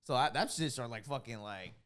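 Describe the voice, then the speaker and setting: A man's voice: medium pitch, a little fast, slight background noise. A man with a New Jersey accent telling a story in casual, swear-heavy chat with friends. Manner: animated storytelling, swears a lot. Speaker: podcast co-host.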